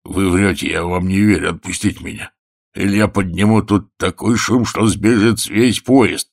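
A man voicing a strong, hot-tempered middle-aged painter who talks hoarsely and short of breath, in a rough, threatening way. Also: low voice, steady tone, moderate pace, dry recording, studio quality. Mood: indignant.

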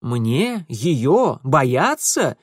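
A man's voice: a little high, expressive, moderate pace, no echo, voice pushed up, natural voice. A blunt, cocky young man, as a male narrator plays him, firing off short retorts a little raised over the narration. The recording is close and dry. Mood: irritated. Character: brash, reckless young man, curt and cocky.

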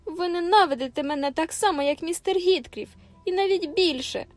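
A woman's voice: high-pitched, lively intonation, fairly quick, dry recording, pitched above the performer's own voice. A woman reading an audiobook and voicing a proud, emotional young woman who pleads with her cousin, insistent and close to tears. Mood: sobbing. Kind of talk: audiobook character voice. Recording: faint music behind the reading.

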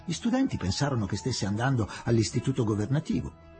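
A man reading a novel aloud in a varied, expressive way. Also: medium pitch, quick pace, soft background music. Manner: expressive, shifting dramatic reading. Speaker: reader.

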